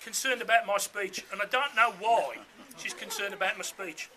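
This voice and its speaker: Male, middle-aged; piercingly bright, high-pitched voice; jokey, conversational wedding speech. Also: moderate pace. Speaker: father of the bride giving a speech. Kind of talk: informal wedding speech with comic anecdotes. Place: room full of wedding guests.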